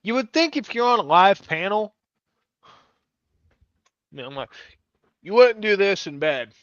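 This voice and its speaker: A man's voice: sits high, expressive, measured pace, fairly bright tone, smooth, no room sound, highs cut off. A man hosting a live stream, reacting to a clip in a casual, blunt, profane way. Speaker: live stream commentary host.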